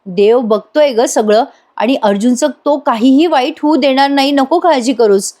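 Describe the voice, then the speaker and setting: A woman's voice: sits high, normal speed, darkish tone, pitched above the performer's own voice, lightly acted. A woman voicing an older woman who consoles another with faith, in a serial recap. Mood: soothing. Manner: soothing, reassuring.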